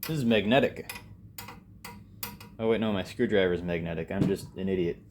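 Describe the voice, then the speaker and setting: A deep-voiced man talks briskly against a noisy background. He hosts an electronics repair vlog, giving casual, unscripted, hands-on commentary from his basement workspace, rambling and poking fun at himself.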